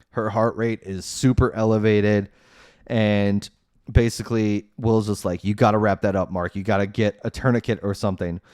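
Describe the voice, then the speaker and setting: Man, podcast host, sarcastic chatty recap, lowish voice, dry close mic. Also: darkish tone, clear, resonant tone, dry recording. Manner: sarcastic, chatty, many fillers. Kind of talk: casual movie recap.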